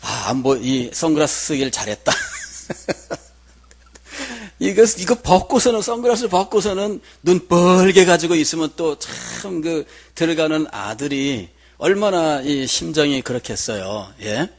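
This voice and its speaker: A man's voice: a little high, animated, a little slow. A middle-aged man preaching a sermon as pastor, telling a personal story in a conversational way and asking the congregation questions.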